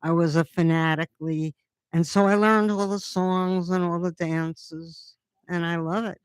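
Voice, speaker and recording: A woman's voice: on the low side, steady tone, measured pace, clear, resonant tone, no room sound. A woman chatting on a podcast in a playful, jokey way, prone to silly asides. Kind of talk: casual chat.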